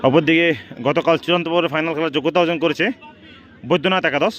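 Fast-talking male football commentator. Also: on the high side, steady tone, fairly bright tone, muffled recording. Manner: repeats stock phrases, mixes in English words. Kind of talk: live penalty shootout commentary. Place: outdoors at a local football ground. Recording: outdoor ground with crowd noise. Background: crowd and outdoor noise.

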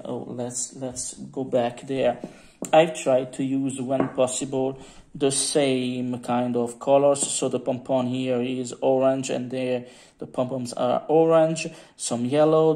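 A man showing off his painted figurines in a casual vlog, talking haltingly with many fillers and playful asides, filmed at his home hobby desk. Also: mid-range voice, darkish tone. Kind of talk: casual show-and-tell vlog.

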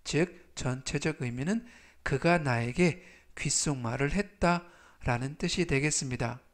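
A man's voice: a little high, unhurried. A man teaching English vocabulary in a scripted lesson, repeating each word three times and explaining it step by step.

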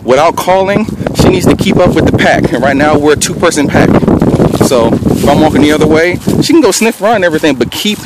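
Fast and lively in intonation, a man with a fairly high voice films himself on a handheld camera in an open park while training a dog. He mixes casual how-to narration with short, firm commands. The outdoor recording is noisy, full of ambient sound.

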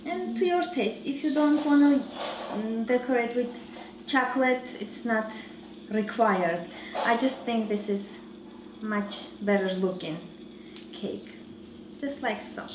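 Slow, soft-spoken woman in echoey kitchen. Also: fairly high pitch, noisy background. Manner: slow, relaxed, soft-spoken instructions with frequent fillers. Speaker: cooking show host. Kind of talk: cooking demonstration. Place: large home kitchen.

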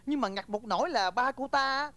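A man's voice: very high voice, normal speed, sharp tone. A young man playing a polite, eager suitor in a film, stammering deferential replies.

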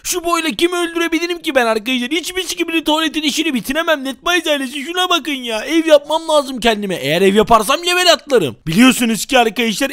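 A man playing a tiny, helpless baby TV-headed creature in a Minecraft roleplay, talking excitably to his viewers and pleading when threatened. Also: very high-pitched. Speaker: gaming YouTuber.

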